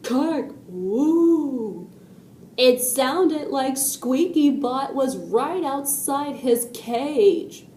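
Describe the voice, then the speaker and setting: A woman reads a children's story aloud at a very slow, deliberate pace and voices the sound effects herself. Her voice is high. The recording is echoey, with a faint hiss behind it. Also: dark tone, recorded from a distance. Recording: echoey room with faint noise.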